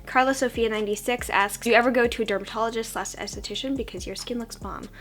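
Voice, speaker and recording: A woman's voice: a little high, steady tone, fast, fairly bright tone, faint music behind. A young woman talks in a casual, chatty beauty-vlogger style. Her voice sounds froggy, as if she is a bit sick. She keeps an informal, self-deprecating way of talking, as though getting ready alongside friends. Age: young adult. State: sick with a cold-like hoarseness.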